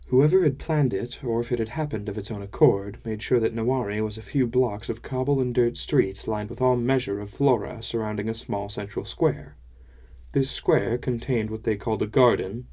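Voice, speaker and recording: Man, low voice, audiobook narrator, measured first-person storytelling. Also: darkish tone.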